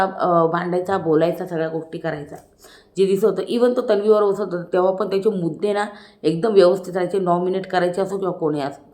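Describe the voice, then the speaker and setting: A woman's voice: mid-range voice, dark tone. Chatty woman reviewing an episode. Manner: chatty, acts out quotes, frequent tag questions. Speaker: reality show reviewer. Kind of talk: casual episode review vlog. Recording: echoey room.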